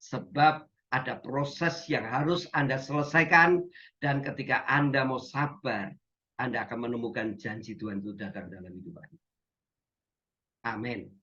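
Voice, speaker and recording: A male pastor, preaching a sermon in a storytelling way, often filling pauses with "ya". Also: medium pitch, bright, forceful tone. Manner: storytelling, frequent filler "ya". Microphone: video call. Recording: dull muffled video-call audio.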